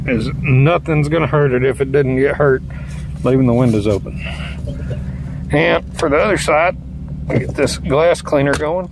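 A folksy man gives a casual hands-on demonstration with his mouth covered, so the words come out muffled. His pitch sits in the middle, and clear noise surrounds him inside a car. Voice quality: muffled behind a face mask. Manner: folksy, plain-spoken. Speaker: DIY car-cleaning vlogger. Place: inside a parked car, outdoors in daytime. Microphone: handheld phone filming from behind.

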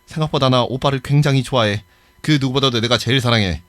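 A man's voice: mid-range voice, quick pace, dry recording, lightly acted. Man reading as a clingy, creepy lovesick girl. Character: obsessive young girl, sweetly creepy lovesick sister. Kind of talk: reading game dialogue aloud.

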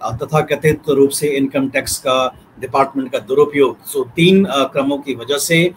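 A man in his forties, an editor, explaining policy on a video call from a book-lined study, measured and often pausing with fillers. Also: mid-range voice, slight background noise, poor audio. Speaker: newspaper editor, analyst. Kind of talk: news analysis commentary. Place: home study with bookshelves. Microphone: webcam, video call.

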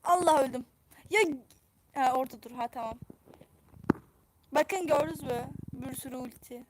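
A young woman streaming live gameplay, reacting excitably and repeating phrases over and over. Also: high voice, normal speed, a little hiss or hum.

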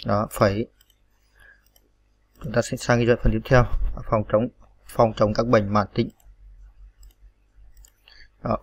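A man's voice: on the low side, creaky, muffled recording. A man teaching typing step by step, patiently spelling out each key with frequent fillers. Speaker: computer tutorial instructor. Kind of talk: step-by-step screen tutorial.

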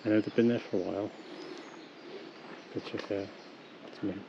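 Guy poking round an abandoned site, uneasy and halting, dull camera audio, lots of outdoor noise. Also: lowish voice, steady tone, gravelly. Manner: hesitant, quietly uneasy. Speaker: urban explorer host. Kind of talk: casual walkaround chat.

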